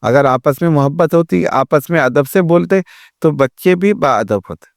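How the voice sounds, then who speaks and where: A man's voice: fairly high pitch, vocal fry, no echo. Patient man explaining in a dry room. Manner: patient, explanatory, with everyday examples. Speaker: religious scholar guest. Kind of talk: advice talk in a studio discussion.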